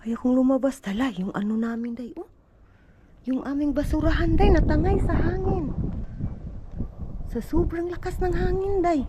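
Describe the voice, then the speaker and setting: A woman's voice: normal speed, long pauses, background noise. Chatty woman vlogging from home. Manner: chatty, frequent "day" and "mga Inday" asides; coos and cheers at her toddler in high bursts. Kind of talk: casual home vlog chat to viewers. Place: snowbound house, indoors and at the door.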